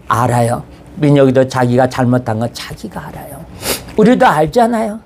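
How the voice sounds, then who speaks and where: A male pastor delivers a sermon in an easy, talky manner. His voice is notably high for a man. He slips into the characters of the story as he tells it. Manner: conversational preaching that acts out the story's dialogue.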